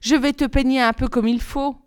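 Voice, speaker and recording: A woman voicing a wicked queen disguised as an old peddler woman, shrill, theatrical and sneering, in a storybook reading. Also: fairly even intonation, normal speed, smooth, no room sound, studio quality, natural voice. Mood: coaxing.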